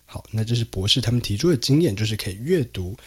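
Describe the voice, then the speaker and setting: A man's voice: mid-range voice, lively intonation, quick pace, husky. A man hosting a solo podcast, explaining and summarizing research in a conversational way, with frequent fillers and some English terms mixed in. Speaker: podcast host.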